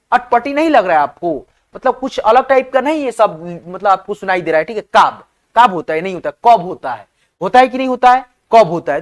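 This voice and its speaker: A male teacher explaining spelling step by step to his viewers, often repeating himself and checking that they follow. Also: sits high. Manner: repetitive, addresses viewers as friends, checks in often. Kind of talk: online class explanation.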